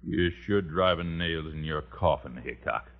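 An actor playing a surly, threatening cattle rancher in an old radio western. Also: male voice, rumbling low, measured pace. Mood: menacing. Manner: threatening, sneering drawl. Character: Baldy Matson, surly hostile cattle rancher. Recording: muffled old radio recording.

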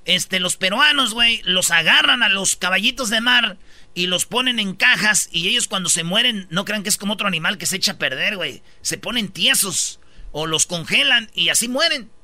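A man's voice: high-pitched, animated, moderate pace, bright, forceful tone, no room sound. A man with a Mexican accent, host of a casual countdown show, telling stories with jokes and slang. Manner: joking, slangy storytelling.

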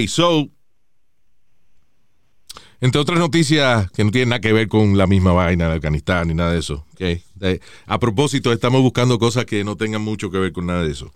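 Male co-host, lively, profane, switches between Spanish and English mid-sentence; clear, dry close-mic sound. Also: on the low side, dry recording. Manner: animated, mixes Spanish and English, swears freely. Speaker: co-host of a talk show. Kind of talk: casual bilingual chat.

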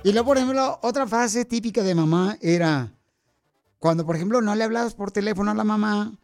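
A man's voice: sits high, a little fast, a little mellow, faint music behind. A man with a Mexican accent hosting casual radio chat in slangy, teasing Chicano-style Spanish. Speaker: radio show host.

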